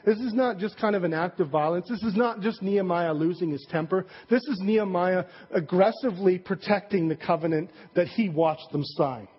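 A man's voice: high-pitched, a little fast, hardly any pauses, breathy edge. A male pastor preaching a sermon in a conversational, joking way, full of fillers and asides. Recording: dull recording with long hall reverb.

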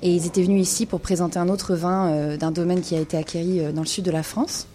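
Speaking quickly in a low, dark voice with little pitch movement, a female wine columnist gives an informative radio wine segment. She often stalls with "euh", and there's a little hiss or hum.

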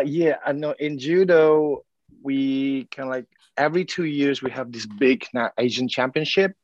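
A man in his forties from Indonesia, speaking as an interview guest in a halting, easygoing way full of restarts and fillers. His voice sits at an ordinary pitch. It sounds dry and a little dull, recorded with no room sound. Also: no room sound. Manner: halting, restarts, frequent "you know". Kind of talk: casual interview talk.

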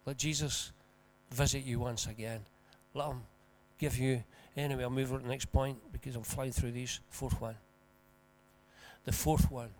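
A man with a broad Scottish accent preaching informally, telling stories in an earnest, colloquial and animated way. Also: mid-range voice, moderate pace, hardly any pauses, rough recording. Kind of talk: informal conversational sermon with storytelling.

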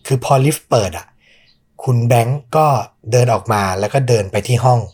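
A man's voice: medium pitch, brisk, a little mellow, slightly rough. A man hosting a podcast, telling a true ghost story in a suspenseful, conversational way. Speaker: podcast host.

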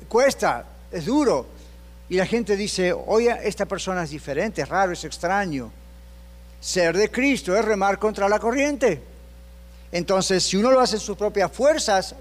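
An older male pastor preaches with a high-pitched voice. He tells a personal story with animated delivery, shifting into the voices of the people he quotes and putting questions to his listeners. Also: long reverb tail. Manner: asks the congregation questions.

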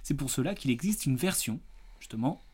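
A man's voice: medium pitch, animated, fairly quick, a little mellow, husky. Chatty man hosting a film podcast. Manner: chatty, many hesitations and fillers; playful quiz-master teasing. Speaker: podcast host. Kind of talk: casual film review podcast.

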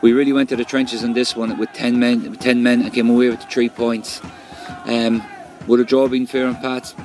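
Fluent Irish man, medium-pitched. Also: little pitch movement, normal speed, darkish tone. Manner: fluent, colloquial. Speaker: football supporter sending in a match reaction. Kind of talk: informal spoken match review.

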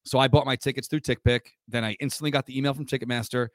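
A man's voice: mid-range voice, steady tone, very fast, no echo, clean studio sound. A man, co-hosting a podcast in loose, jokey chat, swearing now and then and telling stories. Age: older than co-host. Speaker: podcast co-host. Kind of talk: casual chat.

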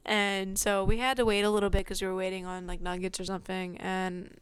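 A woman's voice: medium pitch, flat delivery, a little fast, smooth, dry recording. A young woman hosting a podcast, telling her own work stories in a casual, chatty monologue full of fillers and little laughs. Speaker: podcast host.

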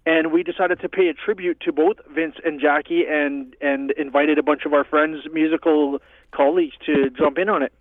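A man's voice: a little high, fairly even intonation, moderate pace, no echo. A man speaking as a guest musician and producer, giving easygoing, rambling explanations in a casual interview. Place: home in northern Canada. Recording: tinny dry phone-like line.

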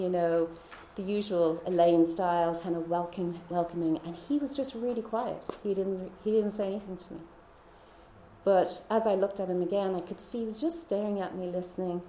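A woman telling a personal faith story in a chatty way, laughing often and dropping into soft whispers. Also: medium pitch, roomy sound, a little hiss or hum. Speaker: speaker.

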